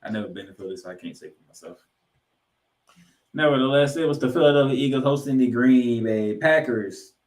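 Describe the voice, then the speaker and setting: With a mid-range voice and a darkish tone, a man hosts a sports podcast and comments on football emphatically, using dramatic pauses and repetition.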